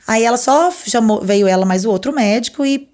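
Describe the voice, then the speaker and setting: Woman on a podcast, talks super fast, animated, acts out what people said. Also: a little high. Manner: animated storyteller who acts out other people's words. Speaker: podcast guest. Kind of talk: casual interview storytelling.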